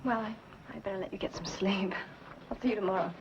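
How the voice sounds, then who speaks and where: A woman's voice: medium pitch, steady tone, fast talker, lightly acted. An actress playing a shaken, inquisitive young woman in a 1970s TV horror mystery, on a dull, noisy soundtrack. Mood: gentle.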